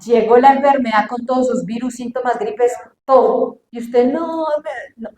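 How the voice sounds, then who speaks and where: A woman preaching a sermon in an animated way, asking her listeners questions and acting out the voices of the people she quotes. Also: fairly high pitch, moderate pace, echoey room.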